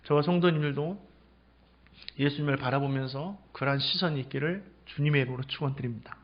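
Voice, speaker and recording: High-voiced pastor preaching in a dull recording. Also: male voice. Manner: storytelling preaching, swings from hushed to loud exclamations; stretches out words slowly for emphasis. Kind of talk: Sunday sermon.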